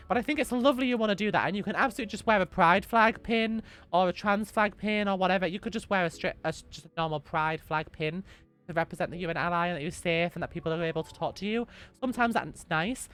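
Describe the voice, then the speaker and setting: On a live stream, a young woman whose voice is a bit hoarse from illness gently answers chat questions, repeating her reassuring advice. Her pitch is on the low side.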